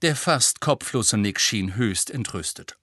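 A man narrating a children's fantasy audiobook in an even storytelling manner. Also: fairly low pitch, unhurried, dry recording, clean studio sound. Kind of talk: scripted narration.

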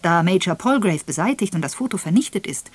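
A woman voicing a shrewd, gentle elderly spinster detective who speaks softly, half in a whisper, in an audiobook. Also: lowish voice, expressive, fairly quick, husky, no echo. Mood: earnest.

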